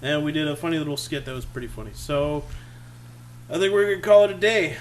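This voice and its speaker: A joking male co-host with a slightly raised voice who fires off quick remarks and closes out the episode. Casual home podcast. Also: fairly high pitch, expressive, slight background noise, low-quality recording. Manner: quick, joking, wraps up the show. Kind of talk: casual chat.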